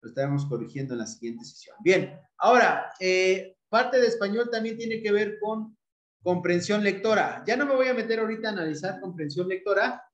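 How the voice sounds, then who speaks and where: Male Mexican teacher, slightly high voice, patient explainer, echoey room. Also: animated, a little fast. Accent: Mexican Spanish. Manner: explanatory, repeats key points. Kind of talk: online exam-prep lesson.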